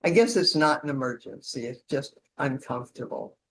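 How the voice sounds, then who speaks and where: This woman speaks in a very deep, animated voice at a moderate pace, and the recording is rough. She is a session leader running a casual, chatty training, role-playing support calls to show how peer support works.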